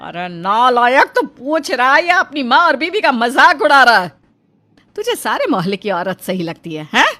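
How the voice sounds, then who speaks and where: A woman voicing a bossy, quarrelsome middle-aged mother-in-law who scolds loudly in a cartoon story. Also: high voice, sing-song, moderate pace, pitched above the performer's own voice, exaggerated voice. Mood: scolding. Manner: scolding, loud.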